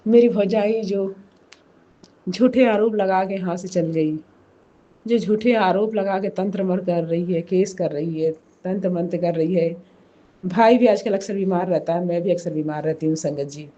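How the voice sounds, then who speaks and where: A hoarse woman giving an emotional personal testimony, speaking slowly and softly in a pleading way. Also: on the low side, dull audio. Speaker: devotee sharing a testimony.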